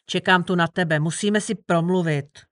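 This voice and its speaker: A woman's voice: fairly low pitch, lightly acted. A woman reading an audiobook, voicing a tall man who keeps pleading to be heard.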